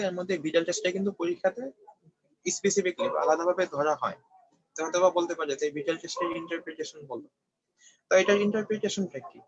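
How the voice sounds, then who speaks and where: Fast, high-voiced young man lecturing. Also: a bit bright, no echo. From Bangladesh. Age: young adult. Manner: explanatory, frequent check-ins asking if students follow. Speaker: medical student tutor. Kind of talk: online review lecture. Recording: dull, slightly lo-fi dry recording.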